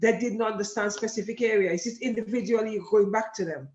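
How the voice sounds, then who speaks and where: A woman's voice: medium pitch, fairly even intonation, a little fast, a little mellow. Woman, interview host, roomy echo, dull lo-fi sound, inquisitive, conversational. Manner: inquisitive, repeats okay while listening. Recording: roomy, dull lo-fi call audio.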